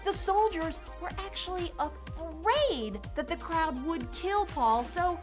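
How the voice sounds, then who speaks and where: A woman teaching a kids' Bible lesson in an animated storytelling way. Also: very high-pitched, slow. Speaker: children's church teacher. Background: background music.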